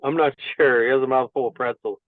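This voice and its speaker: A class participant, a man, chiming in with relaxed, brief agreements. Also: mid-range voice, fast talker, no echo. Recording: tinny dry phone line.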